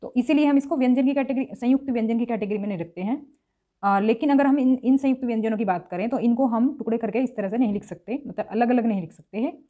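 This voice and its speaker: Her voice is on the high side and warm, though the recording has its highs cut off. She teaches grammar classroom-style, patiently going through sounds one at a time and repeating them slowly to model pronunciation.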